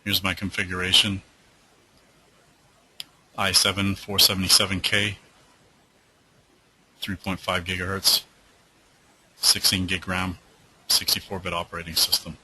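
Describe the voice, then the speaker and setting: A man's voice: sits low, monotone, a little slow, pauses often, bright, forceful tone, breathy edge, poor audio. A man hosting a live trading webinar who answers viewer questions in a loose, rambling way with lots of fillers, and who is losing his voice.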